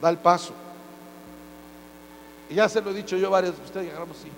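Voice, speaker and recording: High-voiced pastor preaching in a hall. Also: male voice, fairly quick. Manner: preaching with joking asides and acted-out quotes. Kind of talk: sermon. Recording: hall reverb with faint mains hum.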